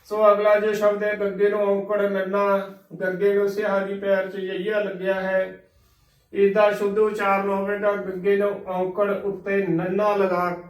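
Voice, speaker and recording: A high-voiced man with a Punjabi accent gives a slow, careful pronunciation lesson, spelling each word out and repeating it. His delivery stays level and even in pitch, and his voice rings a little in an echoey room, a bit away from the mic. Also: recorded from a distance. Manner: patient, spells words letter by letter and repeats the correct form. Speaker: Gurbani pronunciation teacher. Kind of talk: recorded instructional lesson.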